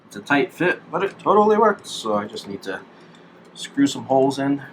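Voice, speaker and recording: A man who does DIY electronics as a hobby chats his way through the hands-on job in front of him, musing aloud in a relaxed way. His mid-range voice has a sing-song lilt at a normal speed, and the workshop audio is clearly noisy.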